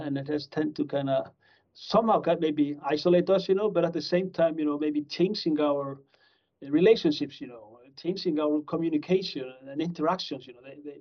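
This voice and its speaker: In a conversational interview, a middle-aged Icelandic man who works as a criminology professor gives meandering answers peppered with fillers and restarts. His pitch is on the high side and his speed normal, while the lo-fi audio comes across a little dull.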